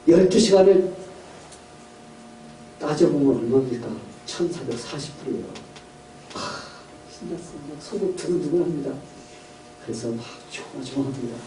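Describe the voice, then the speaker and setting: Korean pastor preaching in an echoey church. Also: male voice, on the high side, mellow, recorded from a distance, a little hiss or hum. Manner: storytelling with questions to the congregation, voicing characters. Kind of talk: sermon. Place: church sanctuary.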